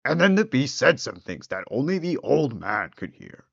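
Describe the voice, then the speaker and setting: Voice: medium pitch, big pitch swings, moderate pace, gravelly, husky, no room sound. A storyteller giving a theatrical, wry comic narration of a fairy tale on a dull lo-fi recording.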